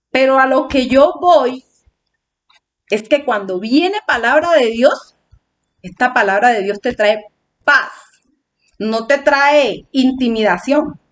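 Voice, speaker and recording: A woman preacher giving a sermon, telling an emotional testimony and reenacting her own tearful prayers. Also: high-pitched.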